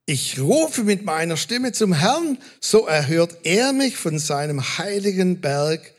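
A man preaching a sermon as pastor, lively and talking straight to the congregation with questions. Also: high-pitched, takes it slowly. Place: church hall.

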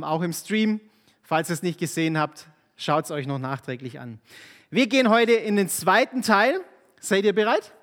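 Male pastor, high voice, casual engaging sermon, long echo of a church hall. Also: fairly bright tone. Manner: casual, engaging, asks the congregation questions. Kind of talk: sermon with Bible reading.

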